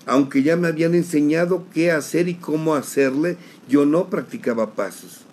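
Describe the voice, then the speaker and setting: A middle-aged man, giving an emotional personal testimony at a recovery group, slowly, repeating phrases for emphasis. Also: fairly high pitch, a little mellow, a little hiss or hum, low-quality recording. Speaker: sharer at a recovery group meeting.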